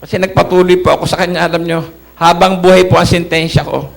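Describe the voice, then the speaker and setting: A man's voice: sits high, level tone, fast, gravelly. A middle-aged man from the Philippines giving an earnest church testimony, addressing the congregation as brothers and sisters.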